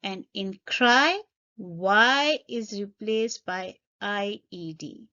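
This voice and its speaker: A woman teaching an English grammar lesson, speaking deliberately, spelling out letters and repeating each example. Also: mid-range voice, expressive, bright, forceful tone. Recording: slightly dull lo-fi recording.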